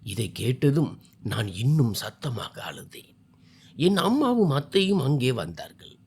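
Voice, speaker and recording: Husky, expressive male story narrator. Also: mid-range voice, unhurried. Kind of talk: first-person storybook narration of a family drama.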